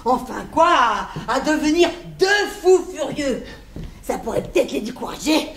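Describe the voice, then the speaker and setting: Actress as a shrill, hammy, feisty farce woman. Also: lively intonation, unhurried. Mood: scheming. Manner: hammy, theatrical, exclamatory. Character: feisty woman in a farce, flinging mock insults. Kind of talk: comic stage play acting. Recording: roomy, noisy stage recording with audience.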